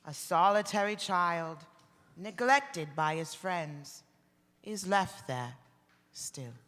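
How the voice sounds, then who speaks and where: A woman playing a calm, stern, ageless spirit in live radio theater, speaking in a measured, solemn, commanding way. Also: fairly low pitch. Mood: gentle, grave. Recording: reverberant live theater hall.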